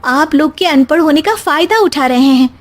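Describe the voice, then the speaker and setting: A woman's voice: high voice, animated, normal speed, pitched above the performer's own voice. A woman voicing a spirited, educated young daughter-in-law from the city, earnest and outspoken, in a story. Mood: alarmed.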